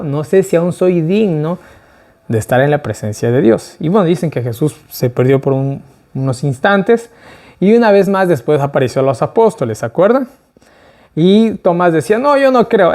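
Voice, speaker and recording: A middle-aged man teaching an informal Bible study, talking with his group, asking them questions and slowing down to stress key words. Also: on the high side, darkish tone. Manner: conversational, asks the group questions, tag "¿ya?".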